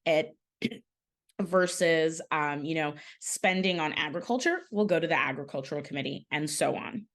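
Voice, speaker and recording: A woman presenting an online advocacy training in a slightly low voice. She explains step by step in a conversational way, using frequent fillers and correcting herself as she goes. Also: moderate pace.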